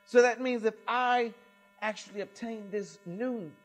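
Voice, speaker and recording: A middle-aged man, a pastor, reading scripture and preaching a sermon in a small church sanctuary, swinging expressively between loud and soft. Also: sits high, measured pace, soft background music.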